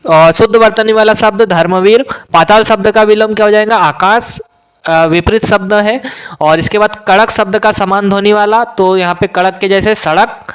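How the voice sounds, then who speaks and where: A male teacher going through an exam paper question by question, explaining each answer step by step with frequent "uh" pauses. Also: high-pitched, fairly even intonation, clean tone. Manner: explains step by step, often pausing with "uh". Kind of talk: exam solution walkthrough.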